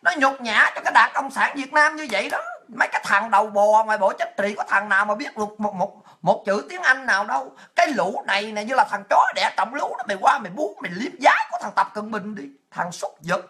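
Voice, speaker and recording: A woman who talks fast. Her voice sits a bit high and has a bright, forceful edge. She delivers a crude, mocking monologue laced with profanity. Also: big pitch swings.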